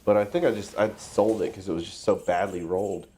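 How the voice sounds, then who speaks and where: A man's voice: deep voice, fairly even intonation, brisk, warm tone, slight background noise. A congested man with a stuffy nose, chatting casually to himself and swearing offhandedly while streaming a game. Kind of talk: casual gameplay livestream commentary.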